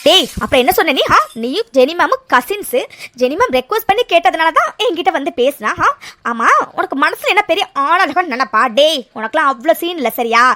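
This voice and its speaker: A woman voicing a shrill, fiery young cartoon student. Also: lively intonation, a little fast, sharp tone. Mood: contemptuous. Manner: scolding, shrill and indignant. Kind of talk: cartoon serial dubbing.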